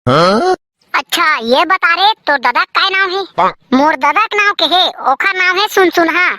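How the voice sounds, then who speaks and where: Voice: very high voice, lively intonation, moderate pace, sharp tone, heavily acted. A performer with a Chhattisgarhi accent voicing bickering cartoon census takers and villagers, in squabbling, slangy comic dialogue.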